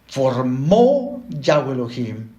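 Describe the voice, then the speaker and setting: A man teaching the Bible slowly and deliberately, explaining word by word. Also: medium pitch, sing-song, warm tone, roomy sound, muffled recording.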